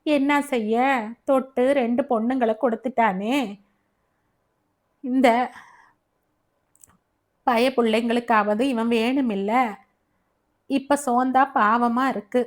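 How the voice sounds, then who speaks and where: A rough, chatty working-class wife, voiced by a woman narrator, speaking frankly and bluntly. The voice sits fairly high and close to the reader's own. This is storybook narration. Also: steady tone, slow, long pauses.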